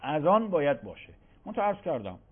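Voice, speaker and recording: Male cleric, emphatic, repeats his no's; slightly high voice over a tinny radio line. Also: sing-song, slightly rough. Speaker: cleric answering religious questions. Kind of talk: radio call-in religious Q&A. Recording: phone-like radio broadcast.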